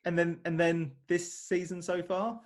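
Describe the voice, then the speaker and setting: A man's voice: high-pitched, flat delivery, a little slow. A man hosting a casual football podcast, friendly and rambling, laughing easily. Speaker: podcast host.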